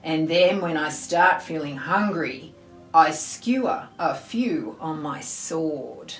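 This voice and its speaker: A woman's voice: low voice, lively intonation, slow pace. A woman voicing a hungry, boastful hunting swordfish from a picture book. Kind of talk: picture book read-aloud in verse. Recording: roomy echo, faint music behind.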